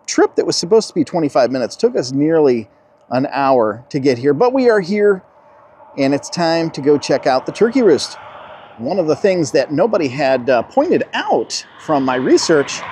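A man in his forties films a casual vlog on a handheld phone held at arm's length, his voice a little high and a little mellow, with slight hiss or hum. As a travel and food vlogger, he's upbeat and chatty, describing to viewers what he sees, first outside a restaurant at night and then inside a diner.

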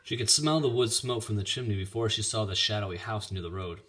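A man reading a children's chapter book aloud in an expressive, lively manner. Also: lowish voice, fast. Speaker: reader. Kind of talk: storybook read-aloud.

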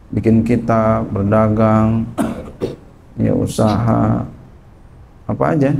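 Middle-aged male religious teacher, mellow gravelly voice, explaining a kitab in casual, animated talk. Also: medium pitch, slight background noise. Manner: reads Arabic text then explains it in lively colloquial speech. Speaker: Islamic teacher. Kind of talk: kitab study lesson.

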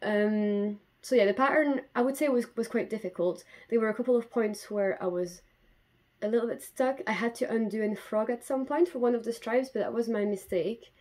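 A Belgian woman in her twenties hosts a knitting podcast, chatting casually to the camera from her bedroom at home. Her voice sits on the high side, a little mellow, at a moderate pace, full of fillers and restarts. The camera is in front of her at desk distance.

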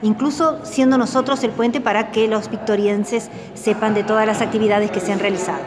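A woman news reporter with an Argentine Spanish accent, asking brisk interview questions on location. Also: medium pitch, fairly even intonation. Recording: echoey hall with crowd chatter.

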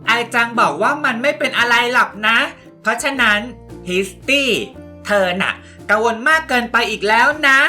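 A woman voicing an excitable, lazy young goddess girl who whines and protests loudly. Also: on the high side, normal speed, faint music behind. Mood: whiny.

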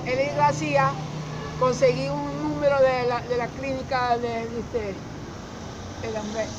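Middle-aged man, high voice, Zulia Venezuelan accent, halting and repetitive, outdoor interview answers, clear street noise. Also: little pitch movement. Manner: halting, repeats words and phrases. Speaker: interviewee, former street newspaper seller. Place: outdoor fruit stall on a city street. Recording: muffled, with loud street noise.

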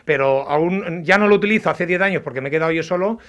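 Here an Alicante man, an artisan potter from Agost, is interviewed indoors among an old pottery workshop and brick kiln. His voice sits on the high side with a fairly bright tone and a southeastern Spanish accent, slightly muffled by his face mask. Picked up by a handheld reporter's microphone, he explains informally and haltingly, with repeated words and tag questions.

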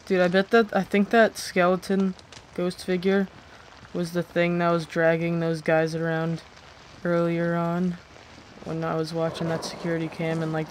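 Casual horror gaming host, jumpy, repetitive, medium pitch, game ambience and noise behind. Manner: jumpy, repeats phrases when startled.

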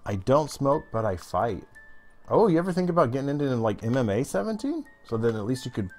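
Chatty male streamer, lively voice. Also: mid-range voice, brisk, faint music behind. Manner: chatty, reacts loudly and talks to chat. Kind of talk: live gameplay commentary.

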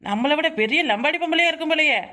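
A woman's voice: high-pitched, lively intonation, fast, bright, forceful tone. A woman voicing a gossipy, cutting young village wife in a cartoon. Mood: conspiring. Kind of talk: cartoon voice acting.

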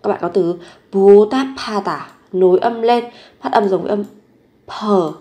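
A woman teaching a vocabulary lesson, repeating each word three times and then explaining pronunciation slowly and carefully. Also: mid-range voice, mellow. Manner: slow, careful pronunciation drills. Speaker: Korean language teacher.

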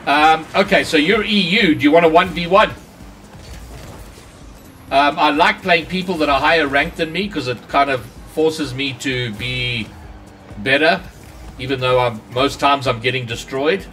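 Through a voice changer, a gaming streamer narrates his own play on a live stream, talking with viewers between rounds and cursing at mishaps. His voice is on the high side, unhurried and a bit bright. He sits far from the mic, with faint music in the background.

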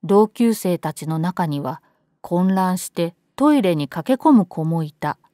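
A woman's voice: on the low side, lively intonation, a little slow, warm tone, dry recording, clean studio sound. A woman reading a scary story aloud as scripted narration.

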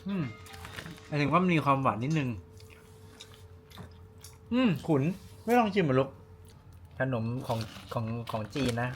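A man's voice: fairly high pitch, big pitch swings, measured pace, long pauses, faint music behind. A man hosting a food vlog, chatting and thinking aloud as he tastes dishes. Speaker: vlog host. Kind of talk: casual food vlog commentary. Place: busy old-style cafe and city street. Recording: crowd chatter behind.

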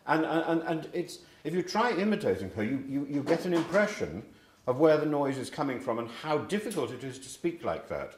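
A man's voice: on the high side, sing-song, brisk. An older English man teaching a class, rambling through his points with many ums and restarts in an echoey classroom with faint hiss. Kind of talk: informal classroom talk.

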